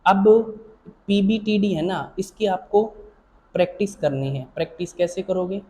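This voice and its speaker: A man's voice: sits high, normal speed, a little mellow, poor audio. A man teaching a shorthand lesson. He explains patiently, repeats himself, keeps checking that students follow, and calls them child or dear. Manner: patient, repetitive, checks in with "theek hai na".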